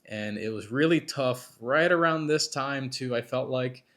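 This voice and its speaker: Between interview segments, a male podcast host offers casual solo commentary in an unhurried, mid-range, slightly bright voice that's hoarse and worn from illness. He's getting over being sick and losing his voice, and he rambles, criticizes himself, and restarts often with plenty of fillers.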